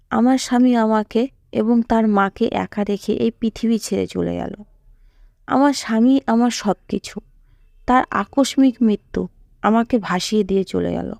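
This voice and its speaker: Gravelly woman narrating a sad story. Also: a little high, darkish tone, no echo. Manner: sorrowful storytelling. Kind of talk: first-person story narration.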